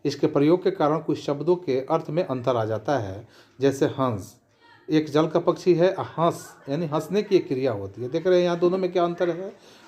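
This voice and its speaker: A man gives a grammar lesson in a slightly higher voice. He explains rules in measured, formal phrasing. Between the rules he reads out example words slowly, one by one. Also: mellow, highs cut off. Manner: reads out word lists slowly, one word at a time. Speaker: Hindi grammar teacher. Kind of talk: classroom-style grammar lesson.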